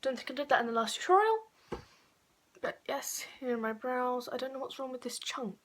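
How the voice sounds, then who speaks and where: A woman's voice: sits high, lively intonation, brisk, a little hiss or hum. A woman chatting her way through a makeup tutorial, rambling and correcting herself as she goes. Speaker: beauty vlogger.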